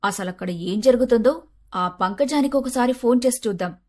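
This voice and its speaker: A scheming young daughter-in-law voiced by a woman with a fairly high, pert voice for an animated moral story. She talks sharply, sliding into sugary sweetness when she wants something. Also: moderate pace, lightly acted.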